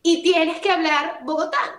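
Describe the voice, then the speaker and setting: A woman from Venezuela, a guest actress chatting in an interview and telling stories with lively acted-out quotes. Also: moderate pace. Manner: animated storyteller, acts out quotes with big pitch jumps. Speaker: actress and voice-over artist, guest. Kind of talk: casual interview chat. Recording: roomy echoey room.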